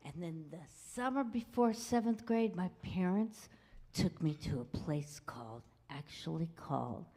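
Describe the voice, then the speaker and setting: On a small club stage during a live musical revue, a woman singer-songwriter tells wry, self-deprecating stories from her own life, slipping in hushed asides. Her voice is on the low side, animated, and a little slow, and the sound carries the feel of a large hall.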